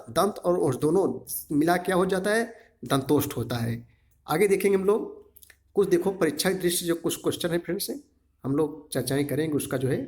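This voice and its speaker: A male teacher giving an exam-prep grammar lesson, sounding out syllables one by one and repeatedly asking the class a question before answering it himself. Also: on the high side. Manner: drills syllables aloud, asks and answers his own questions; repeats a quiz-style question to the class again and again.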